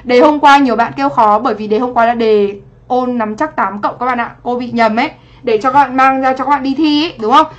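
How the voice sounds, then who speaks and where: On a livestream, a female English teacher reviews exam material, saying hello to viewers by name and asking after each point whether they follow, all in a chatty manner. Her voice is a little high and fairly quick, and the audio sounds dull.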